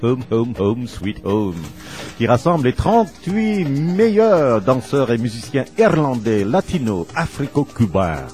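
A man's voice: medium pitch, sing-song, unhurried, darkish tone, faint music behind. A man hosting a radio show in a studio, playful and theatrical, who repeats his own words for effect and laughs often. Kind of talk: lively community radio hosting.

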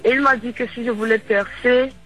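Bright Cameroonian woman speaking halting French. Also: on the high side, fairly even intonation, highs cut off. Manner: halting, repetitive French with rephrasing. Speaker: guest singer. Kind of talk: radio interview answers.

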